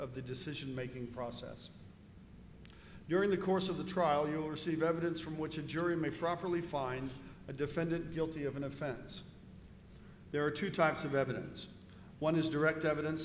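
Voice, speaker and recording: Man presiding as judge in an echoey hall. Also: on the high side. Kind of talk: formal scripted jury instructions. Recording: echoey reverberant hall with faint noise.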